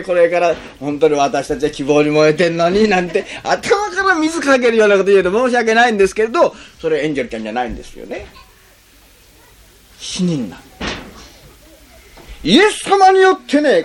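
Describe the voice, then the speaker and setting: A male pastor preaching a sermon in an easy, talkative way. His pitch leaps up and drops down constantly, and he keeps checking in with the congregation with a little "ne". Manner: conversational, frequent tag "ne", lively swings in pitch.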